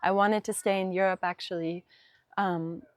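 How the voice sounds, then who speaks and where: This young woman from Denmark, a designer appearing as a guest, talks casually and reflectively in an outdoor vineyard interview on a summer evening, using many ums and likes and laughing lightly. Her voice sits on the low side with fairly even intonation and a moderate pace. Through a noise-cancelling mic, the sound is clean, echo-free and of studio quality.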